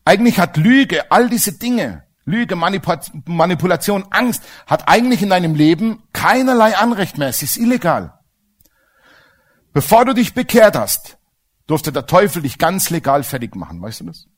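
A male preacher delivers a sermon in a lively, animated voice that swoops up and down. He sits a little higher than most men. He presses his points hard and keeps checking whether the congregation agrees. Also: moderate pace. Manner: emphatic, asks the congregation for agreement.

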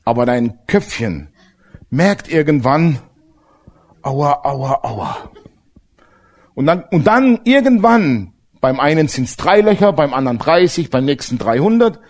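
A man delivering a church sermon in a lively, swinging voice with a slightly husky edge. He speaks straight to the congregation, tossing out questions and humorous asides. His pitch sits a little high for a man. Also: normal speed. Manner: animated, addresses the congregation directly with questions and humor. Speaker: preacher.

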